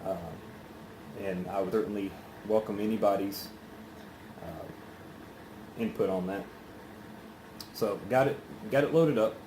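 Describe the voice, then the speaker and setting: A man chatting casually through a solo review in an unhurried, halting, rambling way, with pauses. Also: fairly low pitch. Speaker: pipe tobacco reviewer. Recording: roomy echo, faint background noise.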